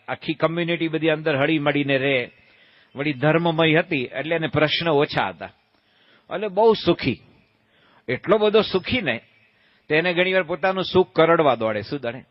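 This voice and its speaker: A man delivers a joking sermon as a monk, spinning a folksy tale and acting out the calls and voices of its people. His voice sits a touch high for a man. The sound is close and dry but a little muffled and dull. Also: moderate pace, dry recording. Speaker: monk giving a religious discourse. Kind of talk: humorous sermon with storytelling.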